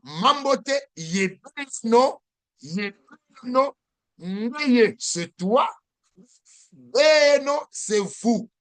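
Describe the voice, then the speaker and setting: A man teaching a language lesson, saying each phrase slowly and repeating it for learners. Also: high-pitched, fairly bright tone.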